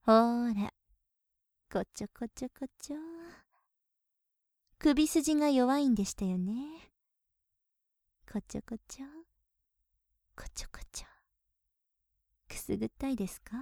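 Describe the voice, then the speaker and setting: Whispered role-play: young woman voicing a polite, teasing maid, slightly high, warm tone, dry close mic. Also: unhurried, pauses often, no room sound, close to an everyday voice. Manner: polite, softly teasing, with breathy giggles.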